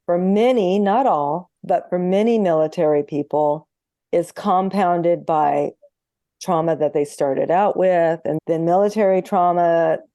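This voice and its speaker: A chatty, earnest woman homeopath speaking as an interview guest over a video call. Her voice is mellow and warm-toned, and the sound is dry and close. She tells stories and slips into acting out the dialogue. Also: fairly low pitch, measured pace, dry recording. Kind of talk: conversational interview.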